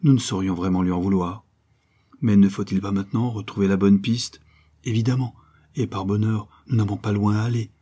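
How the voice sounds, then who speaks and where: A man's voice: lowish voice, fairly even intonation, warm tone, husky. A man doing a keen, self-assured detective. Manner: brisk, reasoning, assured. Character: keen, confident adult male detective. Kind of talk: audiobook character reading.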